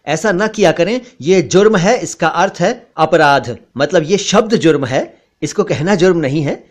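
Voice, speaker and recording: Man giving a lively pronunciation lesson. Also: a little high. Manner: slow, deliberate, repeating words for clarity. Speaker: language teacher.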